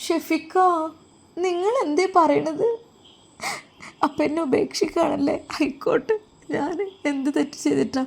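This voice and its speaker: Woman putting on a young wife with a malappuram accent, high wobbly teary voice, pleading and clinging. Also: normal speed, close to an everyday voice. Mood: tearful pleading. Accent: Malappuram Malayalam.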